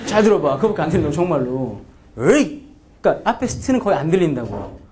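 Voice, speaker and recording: Animated male lecturer, lively pitch. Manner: lively, asks students frequent questions; mixes casual and polite speech. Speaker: English grammar lecturer. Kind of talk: classroom lecture.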